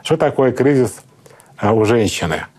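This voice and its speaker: A middle-aged man, a psychotherapist, calmly explaining in an interview in a lecturing manner. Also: medium pitch, normal speed. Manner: calm, lecturing, acts out example speakers. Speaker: psychotherapist guest.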